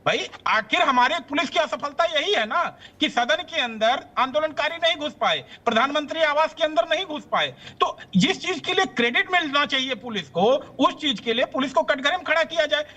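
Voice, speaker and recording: A man argues as a guest on a televised political panel, firing off rhetorical questions with indignant force. His voice sits very high and rings bright and tense. He pushes his point hard and rarely pauses. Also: animated. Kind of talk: heated political debate.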